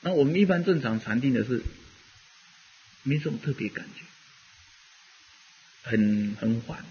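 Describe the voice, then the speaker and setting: A man's voice: mid-range voice, lively intonation, a little slow, dark tone, dull audio, a little hiss or hum. A man giving a rambling, conversational Buddhist dharma talk, full of fillers as he teaches.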